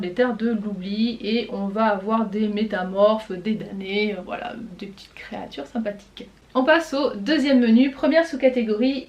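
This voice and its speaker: A young woman presenting her seasonal reading list in a casual vlog, chatting with frequent pauses while she checks her notes. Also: a little high. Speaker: book vlogger.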